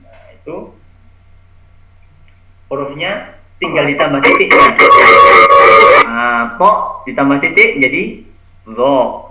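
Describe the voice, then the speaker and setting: A man teaching Quran letter pronunciation over a video call, slowly modelling each sound and repeating it. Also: on the high side, expressive, heavy background noise. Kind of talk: online recitation lesson. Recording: echoey, dull video-call audio.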